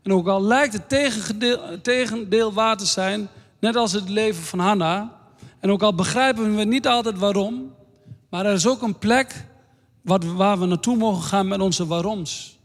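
A man preaching a sermon in a slow, earnest way, reading scripture aloud. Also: sits high. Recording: long hall reverb.

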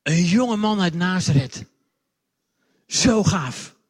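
A man's voice: high-pitched, expressive, slow. A Dutch man, a lay preacher, giving a friendly, chatty children's sermon in a church hall and talking directly to the kids while moving around with a wireless microphone. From Netherlands.

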